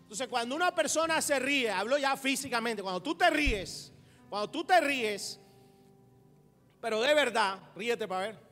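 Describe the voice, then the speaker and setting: High-voiced man preaching in an echoing hall. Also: expressive, normal speed. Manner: preaching, calls for amen, laughs, rises to loud emphasis. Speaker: pastor. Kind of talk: sermon. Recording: roomy long reverb with faint music.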